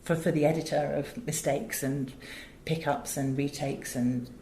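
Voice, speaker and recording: Her voice sits low and mellow, unhurried, with fairly even intonation. This middle-aged guest from England, who directs and produces audiobooks, answers interview questions in a conversational way, telling stories emphatically and often digressing. There's a roomy echo and a little background noise.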